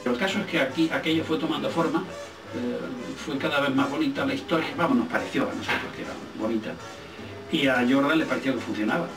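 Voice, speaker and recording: Interviewed in an echoing room, an older film director from Spain speaks with a Spanish accent in a mid-pitched voice that sounds far away. He reminisces casually, pausing to find words and repeating some for emphasis, while faint music plays and a distant microphone catches the roomy sound.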